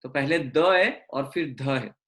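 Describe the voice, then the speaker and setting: A man's voice: mid-range voice, bright, forceful tone. Man teaching careful pronunciation on a video call. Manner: explains slowly, mixing English into Hindi, drawing out each syllable. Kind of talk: online class teaching.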